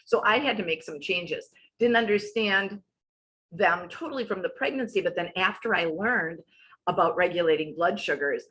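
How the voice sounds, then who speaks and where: A woman's voice: fairly low pitch, fairly bright tone, rough recording. A woman in her sixties, a wellness coach giving a casual, chatty talk over slides that wanders off on tangents and back. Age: 60s.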